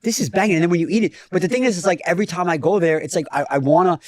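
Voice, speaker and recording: A man's voice: fairly high pitch, racing, no echo, clean studio sound. A man co-hosting a podcast in casual chat, enthusiastic and rambling, with lots of fillers. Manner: enthusiastic, rambling, laughs easily. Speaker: podcast co-host.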